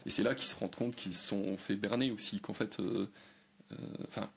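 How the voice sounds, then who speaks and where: A man, a guest on a podcast, explaining old myths in a relaxed chat, hesitant, with many fillers and restarts. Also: on the low side, a little fast, gravelly, slightly rough. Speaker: guest historian. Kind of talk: conversational explanation.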